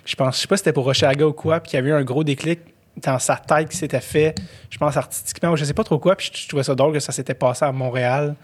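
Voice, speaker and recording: A man's voice: fairly high pitch, steady tone, racing. A man with a Québécois French accent in casual podcast chat, rambling with many fillers and restarts.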